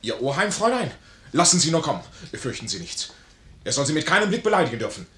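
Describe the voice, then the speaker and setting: Earnest army major, male, formal diction, wide intonation, bright, 1950s radio drama. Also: on the high side, sing-song, fast talker. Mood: agitated, protective. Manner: intense, formal stage diction. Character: Tellheim, proud, earnest, passionate army major. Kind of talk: 1950s German radio play acting. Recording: roomy 1950s radio studio recording.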